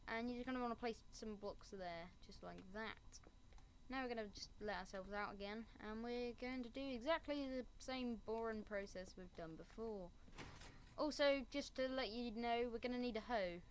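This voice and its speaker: With a little hiss or hum behind her, a woman whose voice is on the high side chats through a Minecraft build. The tutorial is casual and rambling, full of self-mocking comments.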